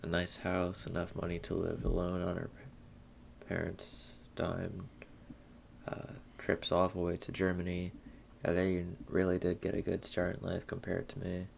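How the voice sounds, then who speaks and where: Gravelly low-voiced young gamer man. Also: monotone, measured pace, a little hiss or hum. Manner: laid-back, mutters asides between read lines. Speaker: gaming channel host. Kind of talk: reading a visual novel aloud with casual commentary.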